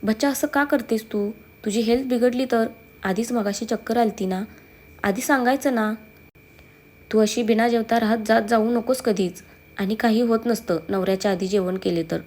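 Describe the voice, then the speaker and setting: A woman's voice: fairly high pitch, normal speed, darkish tone, lightly acted. Brief: a woman doing a young husband, sulky then tender, teasing his wife. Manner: playful, affectionate, calls wife baby.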